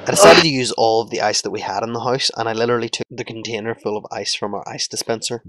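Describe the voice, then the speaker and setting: A man's voice: mid-range voice, fast talker, fairly bright tone, dry recording, low-quality recording. A young man narrating his own home video as a scripted voice-over, with a wry, self-mocking manner. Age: young adult.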